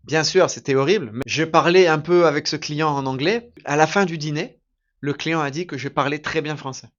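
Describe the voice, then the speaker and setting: A man teaching through a slow, emphatic story for learners, repeating his phrases deliberately. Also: fairly high pitch, fairly bright tone, muffled recording. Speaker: French teacher.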